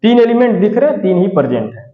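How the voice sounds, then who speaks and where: A man's voice: high voice, very animated, fast, echoey room, in a large hall, phone-quality sound. A man teaching a math lesson, explaining patiently and often ending his points with "right". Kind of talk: classroom-style lesson explanation.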